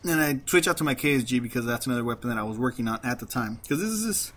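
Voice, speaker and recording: A man with a light Mexican Spanish accent rambles through casual gameplay commentary, laughing at himself and restarting often in self-deprecating fashion. His mid-range voice races along with lively intonation and a slightly bright tone.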